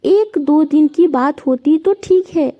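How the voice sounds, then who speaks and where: A woman's voice: high voice, slow, muffled recording. A woman reading as a practical, money-minded son. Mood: annoyed. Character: middle-aged son, dutiful but money-minded.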